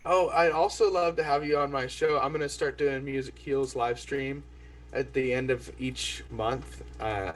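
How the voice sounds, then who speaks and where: A man's voice: mid-range voice, fairly even intonation, unhurried. A man talking enthusiastically and loosely on a video call, with lots of fillers. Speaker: record label host. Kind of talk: casual video call chat. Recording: distant video call mic with faint noise.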